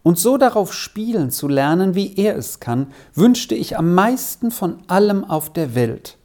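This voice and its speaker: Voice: mid-range voice, very animated, unhurried, dark tone, pitched above the performer's own voice. A storyteller voicing an earnest young boy who longs for music. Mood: longing. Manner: earnest, longing.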